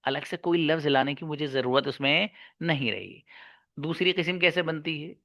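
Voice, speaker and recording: A male teacher leads an online grammar lesson in a bright, forceful voice. The sound is close and dry. He keeps repeating key terms and answers his own questions to the class. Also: fairly high pitch, creaky, no echo, muffled recording. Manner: asks students questions and answers them himself; stretches out English example sentences slowly. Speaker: English teacher. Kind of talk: online spoken-English lesson.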